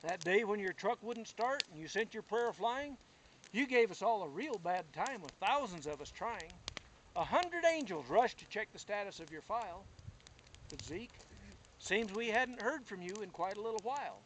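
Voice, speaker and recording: A man voicing a patient, gently chiding saint in a cowboy poem, with a folksy drawl, on a noisy amateur recording. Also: high-pitched, lively intonation, moderate pace. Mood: patient, teasing. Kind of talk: recited cowboy poem dialogue.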